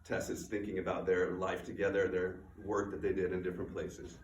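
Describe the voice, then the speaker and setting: A man at a bookstore author event, talking loosely and haltingly through a story, with fillers and restarts. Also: deep voice, flat delivery, a little mellow, slight background noise. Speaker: author reading from his novel. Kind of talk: casual book reading and summary at an author event. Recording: echoey room from a distance, faint ambience.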